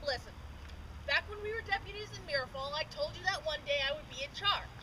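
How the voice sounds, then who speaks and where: A woman's voice: high-pitched, lively intonation, fast. A woman playing a boastful, bumbling, self-important sergeant in comic renaissance faire stage acting, cocky and blustering. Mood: smug. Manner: cocky, blustering, hesitant when challenged. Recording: outdoor live recording, clear ambient noise.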